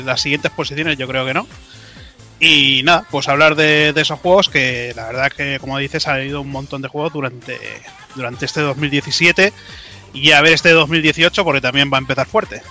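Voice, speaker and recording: Guy from spain, casual podcast chat, lightish voice, really bright, music behind. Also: fairly high pitch, normal speed. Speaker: podcast panelist.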